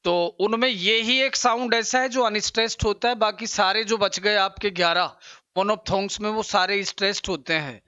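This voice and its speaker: A man teaching an English exam-prep lesson, explaining slowly and repeating pronunciations for his students. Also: sits high, fairly even intonation, bright, forceful tone, clean tone, no echo, dull audio.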